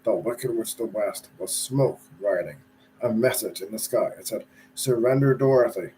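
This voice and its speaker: A man's voice: fairly low pitch, normal speed, darkish tone, low-quality recording. A man reads a children's story aloud in an easy, chatty manner. He sometimes trips over a phrase and goes back to reread it. There is a faint hum of background noise. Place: at home.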